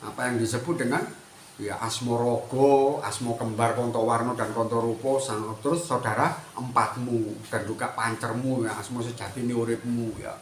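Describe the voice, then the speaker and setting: A man talks through spiritual teachings in a lively, conversational way, with a mid-range voice. The recording is echoey, with faint background noise. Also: medium pitch, moderate pace. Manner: animated, mixes Indonesian and Javanese, chatty asides. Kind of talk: spiritual talk, addressing listeners.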